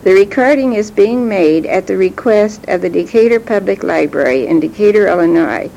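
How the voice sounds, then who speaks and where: A woman interviewer giving a measured, formal introduction, heard on an old tape recording from the 1980s with faint hiss and low rumble. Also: lively intonation, gravelly, dark tone, dull audio. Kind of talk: formal oral-history introduction.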